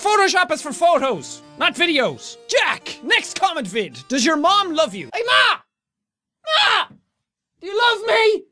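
A young man reading out and answering viewer comments in a casual vlog, talking loudly and playfully. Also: very high-pitched. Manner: loud, energetic, playful.

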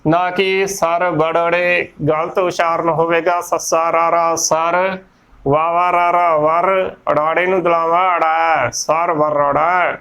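A Punjabi-accented man gives an unhurried lesson on pronouncing scripture correctly. His voice sits high and smooth, with a steady, level delivery. He spells out each word letter by letter, recorded on a close mic. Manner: spells words letter by letter, repeating correct and wrong forms. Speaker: Gurbani pronunciation teacher. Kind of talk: slow methodical pronunciation lesson.

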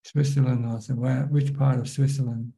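An older Buddhist monk with a Thai accent, calmly explaining Dharma on a video call. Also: male voice, medium pitch, vocal fry, rough recording. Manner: calm, measured, plain explanations. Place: plain room, seated in office chair.

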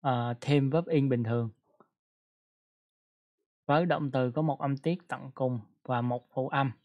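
A man's voice: mid-range voice, fairly even intonation, takes it slowly, lo-fi sound. A man teaching an English grammar lesson in a casual classroom style, explaining patiently with frequent fillers and prompts to the class.

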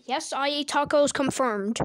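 A woman reacting to videos in casual commentary, blunt and crude with plenty of swearing. Her voice sits fairly high and she talks slowly, with occasional sudden loud outbursts, close to a desk mic.

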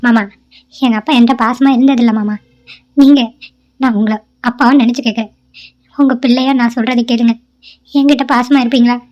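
A woman voicing a caring, frank young woman who speaks earnestly and gently scolds, in a cartoon drama. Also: on the high side, steady tone, fairly quick, long pauses, highs cut off, natural voice.

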